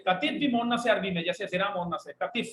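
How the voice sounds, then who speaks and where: A man's voice: high voice, animated, fast talker, a bit bright. A man from Pakistan teaching Arabic words to a classroom, saying each word and having the students repeat it back. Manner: call-and-response, repeats words for students to echo. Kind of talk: classroom vocabulary drill. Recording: echoey classroom with faint noise.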